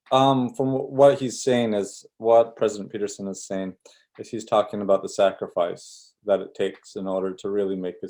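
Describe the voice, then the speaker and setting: A young man from Alaska talking reflectively on a panel, pausing often with fillers. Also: lowish voice, dark tone. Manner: reflective, hesitant, many fillers.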